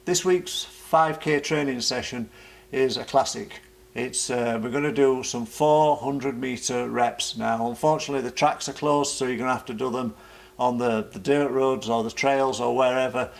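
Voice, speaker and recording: A British man giving an informal vlog explanation as a running coach, speaking haltingly and often repeating words. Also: medium pitch, fairly even intonation, creaky.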